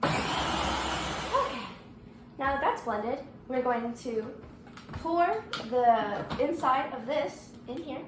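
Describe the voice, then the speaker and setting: A woman with a high voice walks through a recipe in a casual tutorial style. She gives instructions in short, halting pieces. The room is echoey, with clear background noise. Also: animated. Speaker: home baking presenter. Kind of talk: casual step-by-step cooking tutorial. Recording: roomy echo, clearly noisy background.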